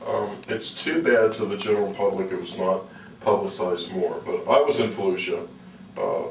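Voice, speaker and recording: A man with a deep voice recounts things casually as an interview guest, halting and folksy. He is recorded at some distance in an echoey room. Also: fairly even intonation. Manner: halting, repeats words, folksy. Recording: roomy, distant mic with faint noise.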